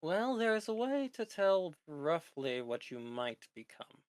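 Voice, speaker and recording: A man voicing a calm lich professor in a tabletop game, speaking in a measured, explanatory, formal way. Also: on the high side, clean tone, dry recording, clean studio sound. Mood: matter-of-fact. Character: lich professor in a metal mask, calm, instructive.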